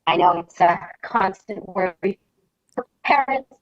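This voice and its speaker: A woman's voice: medium pitch, a little slow, dry recording. Woman, school board trustee, choppy breaking-up call connection, dull lo-fi dry sound, hesitant with fillers. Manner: hesitant, many fillers and restarts. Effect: choppy, breaking-up remote call connection. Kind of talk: public board meeting remarks. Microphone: remote video call.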